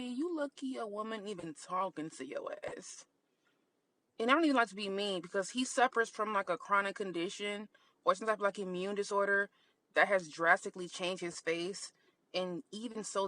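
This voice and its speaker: A woman's voice: mid-range voice, moderate pace, a bit bright, no room sound. A woman delivering a blunt, scolding, profane rant in a casual online video. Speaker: commentator reacting online.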